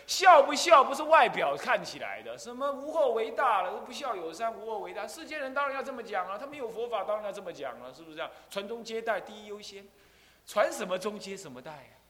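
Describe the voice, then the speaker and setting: An older man, a Buddhist abbot, giving an animated dharma lecture full of rhetorical questions. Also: high voice, quick pace. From Taiwan. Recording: long hall reverb.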